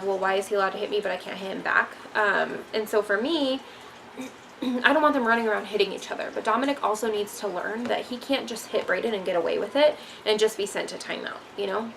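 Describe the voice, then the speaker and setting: A woman's voice: medium pitch, brisk, vocal fry, a bit bright, slight background noise, rough recording. A young woman vlogging casually about raising three kids, talking frankly and rambling with many ums. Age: young adult. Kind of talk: casual parenting talk to camera.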